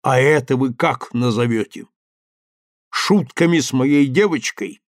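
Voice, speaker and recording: A man voicing a stern, reproachful middle-aged father in an audiobook, speaking low and bitterly. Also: measured pace, dry recording, studio quality, lightly acted. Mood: accusing.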